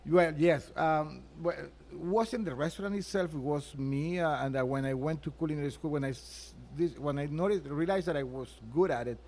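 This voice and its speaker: A man from Venezuela, a chef being interviewed at his restaurant, speaking earnestly and haltingly with many restarts. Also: fairly high pitch, darkish tone. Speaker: chef and restaurant owner, guest. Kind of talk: interview answers.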